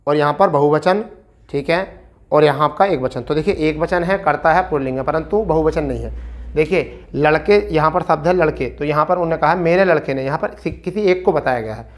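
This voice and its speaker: Coaxing exam-prep teacher, fairly high voice. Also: male voice. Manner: coaxing, repeats "ठीक है" often; recites verse slowly and deliberately. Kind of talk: explaining a practice test.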